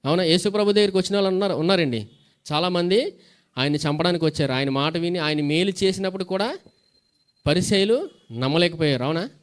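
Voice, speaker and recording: High-voiced man preaching a sermon. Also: animated, fast talker. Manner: call-and-response preaching, asks questions and answers them; reads scripture aloud between plain explanations. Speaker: pastor.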